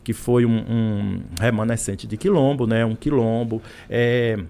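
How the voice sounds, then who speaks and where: A man's voice: medium pitch, steady tone, unhurried, creaky, dark tone, clear, resonant tone. A man from Brazil, a literature professor, talking as a guest in a podcast interview, full of restarts and repeated words.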